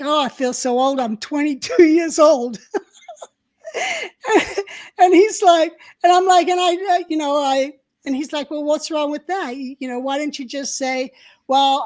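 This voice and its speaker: A woman's voice: high-pitched, darkish tone. An older woman co-hosting a live-stream chat, telling stories from her past in a chatty way with plenty of fillers. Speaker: co-host.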